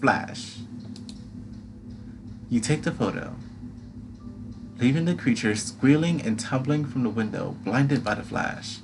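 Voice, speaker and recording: Animated male story narrator, very lively pitch. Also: slow pace, pauses often, music in the background. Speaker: narrator reading a game aloud. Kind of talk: scripted second-person story narration. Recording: clear background noise.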